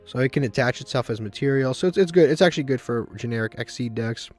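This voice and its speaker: A man with a slight cold giving casual, monotone gameplay commentary, rambling and often restarting his sentences. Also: medium pitch, fast, faint music behind. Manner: monotone, self-described. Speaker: gaming video host.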